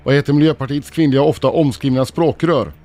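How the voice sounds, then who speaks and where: Man, radio quiz master, brisk even delivery, mid pitch, faint music underneath. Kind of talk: reading quiz questions on morning radio.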